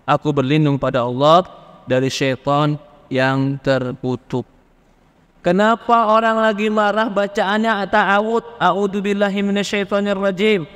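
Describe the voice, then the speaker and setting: Male preacher, fairly high voice, animated delivery, long reverb of a hall. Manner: lively, acts out questioners from the congregation. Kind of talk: Islamic sermon on marriage.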